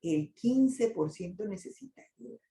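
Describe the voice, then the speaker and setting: A woman's voice: mid-range voice, animated, a little slow, gravelly, mellow, roomy sound, a little hiss or hum. An older woman giving a talk to an audience, asking rhetorical questions as she goes. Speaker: lecturer on migration and grief. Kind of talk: presentation to an audience with slides.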